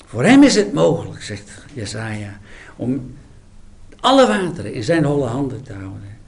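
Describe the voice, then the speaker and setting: A man's voice: mid-range voice, sing-song, normal speed, gravelly. A man preaching a sermon, retelling a scripture story with dramatic, emphatic storytelling.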